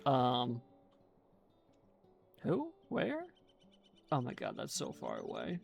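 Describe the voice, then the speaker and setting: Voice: medium pitch, huge pitch swings, normal speed, gravelly, faint music behind. A gamer giving casual commentary on a playthrough, reading quest text aloud in an easygoing, self-mocking way.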